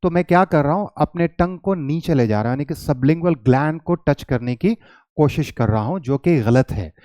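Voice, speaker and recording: A man teaching English pronunciation, explaining patiently in Hindi mixed with English and slowing right down to demonstrate tongue twisters. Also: fairly high pitch, lively intonation, warm tone, no room sound. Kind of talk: spoken lesson mixing Hindi and English.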